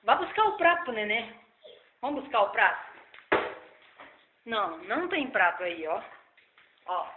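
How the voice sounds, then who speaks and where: A woman talking coaxing sing-song baby talk to her pets at home, her voice squealing up high, filmed on a phone. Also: expressive, measured pace, long pauses. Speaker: pet owner. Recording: tinny echoey noisy phone video.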